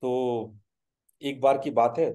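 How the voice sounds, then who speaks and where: A man telling a spiritual story in a webinar, unhurried and pausing on fillers. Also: medium pitch, fairly even intonation, warm tone. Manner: unhurried, slips in fillers and short asides while telling the tale. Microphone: video call.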